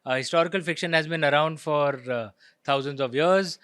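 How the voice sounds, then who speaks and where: An author of historical fiction with an Indian accent explains his views as an interview guest, emphatic and argumentative, often using rhetorical questions to check in. His voice is on the high side, brisk and a bit bright. The studio sound is clean, with no echo.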